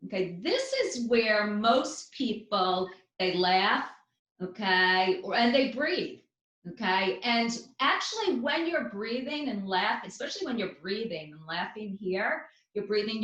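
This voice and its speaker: A woman teaching laughter yoga as an interview guest, explaining with energy and demonstrating as she goes. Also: medium pitch. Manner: energetic, instructive, with bursts of laughter. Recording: echoey room.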